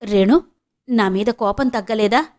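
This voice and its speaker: A woman reading the lines of a frail, elderly man who pleads softly for forgiveness and shelter. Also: on the high side, unhurried, lightly acted. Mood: pleading. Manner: soft and pleading. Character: frail, pleading old man down on his luck.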